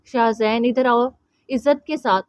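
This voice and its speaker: A woman's voice: fairly high pitch, steady tone, a little slow, no echo, natural voice. A woman voicing a young mother who loses her temper with her son, scolding sharply. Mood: angry.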